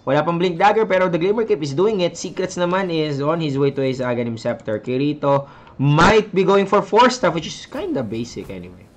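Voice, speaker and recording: A man's voice: on the high side, moderate pace. Filipino man casting a live game. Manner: switches between English and Tagalog, chatty, excitable on big plays. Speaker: esports caster. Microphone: headset mic, stepping back from it.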